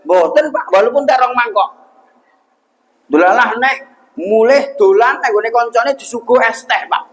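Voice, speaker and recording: A man's voice: extremely high pitch, moderate pace, rough recording. A young man with a Javanese accent preaching a humorous sermon in a mosque, asking the congregation questions and answering them himself. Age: young adult.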